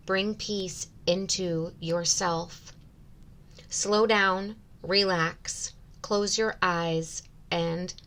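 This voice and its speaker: A woman giving a spiritual oracle card reading in measured, deliberate phrases with pauses between them. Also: mid-range voice, fairly bright tone. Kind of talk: slow, spiritual guided card reading, partly read out.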